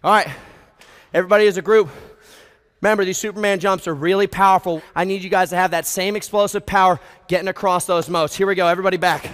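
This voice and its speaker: High-pitched American gym-bro fitness coach, man. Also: fairly even intonation, fast, a bit bright, clean tone. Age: 20s. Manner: gym-bro, hyped, motivational; exerting himself while talking. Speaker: fitness instructor leading a group workout. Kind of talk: workout coaching with cues and countdowns. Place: large brick warehouse gym, indoors. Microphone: headset. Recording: reverberant large hall.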